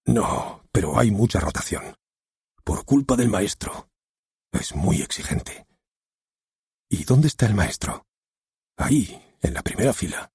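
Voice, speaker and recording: A man voicing a chatty theatergoer who talks in hushed whispers. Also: fairly low pitch, sing-song, slow, vocal fry, long pauses, breathy edge, dry recording, studio quality, full character voice. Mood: confiding.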